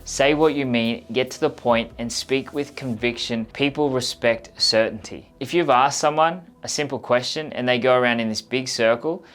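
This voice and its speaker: A man's voice: medium pitch, normal speed, few pauses, a bit bright. A man giving an instructional, conversational coaching talk, speaking directly and earnestly to the viewer and repeating points for emphasis. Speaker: communication coach presenting a how-to video.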